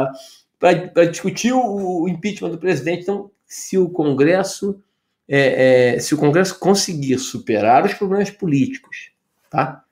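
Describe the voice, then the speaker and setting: A man with a fairly high voice lectures on tax policy in a loose, conversational way. He talks emphatically, stacks up rhetorical questions and leans on plenty of fillers. The echo of the room he recorded himself in is clearly audible. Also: a little mellow. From Brazil. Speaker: tax professor commenting on news. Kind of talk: informal video commentary. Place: home office.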